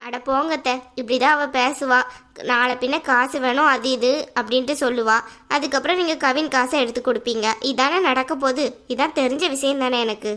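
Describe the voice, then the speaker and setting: A sharp-tongued, scornful young woman in a cartoon family drama, voiced by a woman. Her voice is high and bright, and she speaks with sarcastic bite. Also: fairly quick. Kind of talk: animated family drama dialogue.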